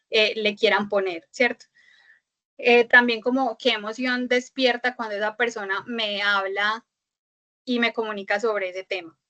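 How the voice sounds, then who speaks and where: A woman's voice: on the high side, pushed and bright. A woman instructor giving an online class lecture, explaining step by step with many "eh" fillers and a questioning "¿cierto?" after her points.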